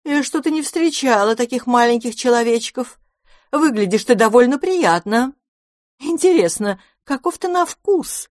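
A woman's voice: on the high side, lively intonation, a little mellow, no room sound, studio quality, pitched above the performer's own voice. A woman playing a sly, gloomy mother cat. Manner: drawn-out, insinuating. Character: huge grey mother cat, gloomy and predatory.

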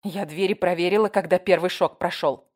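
Woman narrator voices a panicky, pleading frightened woman; audiobook, low-ish pitch. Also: fairly even intonation, fairly quick, darkish tone, lightly acted. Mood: scared. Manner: whining, anxious, breathless. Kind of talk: audiobook reading.

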